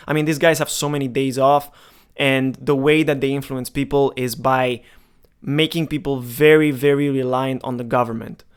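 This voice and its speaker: A man's voice: mid-range voice, clean tone. A man in his twenties from Romania, talking candidly and emphatically to the viewer in a casual monologue. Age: 20s. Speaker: marketing vlogger. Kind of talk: casual direct-to-camera monologue.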